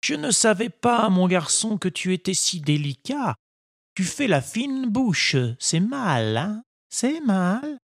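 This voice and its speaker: A man voicing a kind, patient old woodcarver who gently lectures his puppet son in a storybook reading. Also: sits high, sing-song, takes it slowly, vocal fry, no room sound, studio quality, pitched above the performer's own voice, full character voice. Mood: lecturing. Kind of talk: audiobook character voice.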